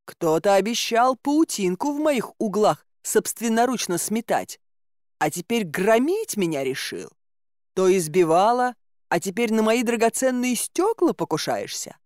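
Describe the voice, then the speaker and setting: A woman's voice: mid-range voice, expressive, unhurried, a little mellow, no room sound, studio quality, voice pushed up, close to an everyday voice. Woman doing a fussy, grumbling talking castle. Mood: aggrieved.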